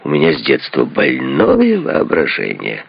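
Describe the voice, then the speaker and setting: A man's voice: very deep voice, wildly swooping pitch, a little slow, gravelly, slightly rough, no room sound, full character voice. A man voicing a sardonic, probing detective in a book reading. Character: cynical, mocking male detective. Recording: dull lo-fi recording.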